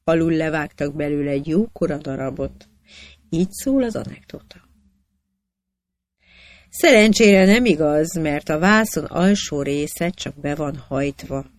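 A narrator reading historical anecdotes aloud with a measured storytelling cadence. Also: mid-range voice, animated.

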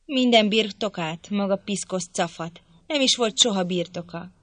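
A woman voicing a furious, domineering middle-aged man who shouts threats, in an audiobook reading. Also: mid-range voice, no room sound, close to an everyday voice. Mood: contemptuous.

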